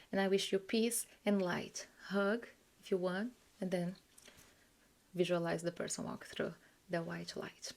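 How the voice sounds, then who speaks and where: A woman coach leading a guided forgiveness visualization, earnest and encouraging, speaking in slow soft phrases that sometimes drop to a whisper. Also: lowish voice.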